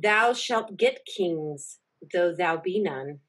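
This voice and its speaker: An eerie witch, played by a woman, declaiming spells in verse on a video call. The voice is bright and forceful with a rasp, and the pace is slow. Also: on the low side, lively intonation, exaggerated voice. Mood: prophesying. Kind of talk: amateur Shakespeare read-through.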